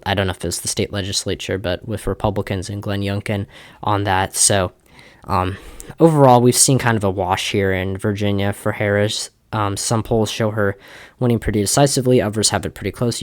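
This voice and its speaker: Low-voiced young man, casual political commentary. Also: no room sound, studio quality. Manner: casual, many fillers and restarts. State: slightly out of breath. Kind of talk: election prediction commentary.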